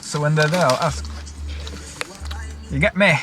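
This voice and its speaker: A man, a husband and father, chatting in a relaxed, laid-back way in a car. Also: on the high side, a little slow, over music. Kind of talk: casual chat. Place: inside a car.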